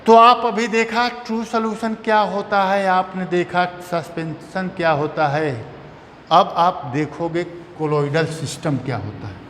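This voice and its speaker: A man a high voice teaches a chemistry lesson, repeating each term and asking his students questions he then answers himself. His voice rings out a long reverb, and a faint hum of noise sits underneath. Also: unhurried, fairly bright tone. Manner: repetitive, asks and answers own questions. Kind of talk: classroom lecture.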